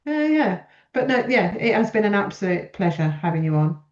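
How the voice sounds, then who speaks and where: A woman's voice: mid-range voice, very animated, a little fast. A woman hosting a casual chat, effusive and encouraging towards her guest. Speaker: podcast host. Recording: echoey room, slightly dull audio.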